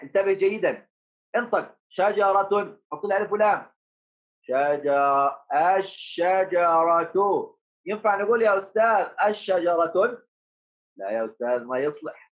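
A man's voice: sits high, narrow, tinny audio. A male primary school teacher giving a remote lesson to children, repeating key points and asking and answering his own questions. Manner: addresses pupils as heroes, coaxing.

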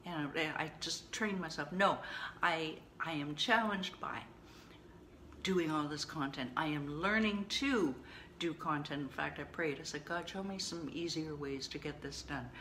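A woman's voice: low-pitched, unhurried, a bit bright, slight background noise, low-quality recording. A woman giving casual, chatty tough-love coaching to her viewers, with frequent asides and laughs. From Canada. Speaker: vlogger and coach. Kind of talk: casual talk to camera.

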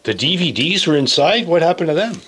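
A man's voice: on the high side, big pitch swings, a little fast, fairly bright tone, breathy edge, poor audio. A man hosting a casual studio visit, joking loosely and swearing now and then. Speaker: video host. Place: recording studio.

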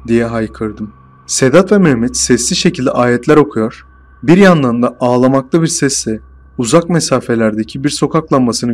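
A man telling a first-person horror story in a steady, measured storytelling voice. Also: medium pitch.

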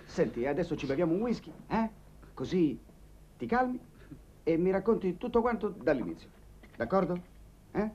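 A man's voice: sits high, big pitch swings, moderate pace, pauses often, darkish tone. A talkative italian man, ironic, coaxing, voice going up and down a lot, dull old film audio. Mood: soothing. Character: chatty Italian man in Milan, comforting old friend. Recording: dull 1980s film soundtrack, faint hiss.

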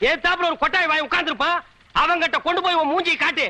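A man's voice: very high voice, fairly even intonation, racing, sharp tone. A man doing teasing, mocking troll commentary over clips. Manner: teasing, insulting banter.

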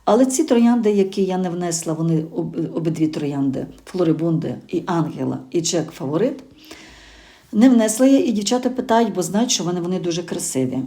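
A woman's voice: lowish voice, expressive, fairly quick, warm tone. A middle-aged woman from Ukraine, hosting a gardening channel and chatting casually with hesitations and self-corrections. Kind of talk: casual spoken garden review.

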